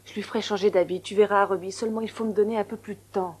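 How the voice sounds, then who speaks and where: An actress dubbing a caring, protective young woman doctor who scolds warmly but firmly. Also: medium pitch, fairly even intonation, racing, husky, close to an everyday voice. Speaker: hospital doctor. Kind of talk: French dub of a TV film.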